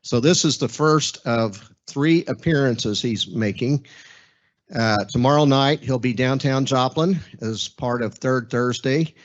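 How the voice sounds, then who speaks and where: Man, event host, introduction speech, relaxed asides, lo-fi recording. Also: medium pitch, unhurried, a little hiss or hum.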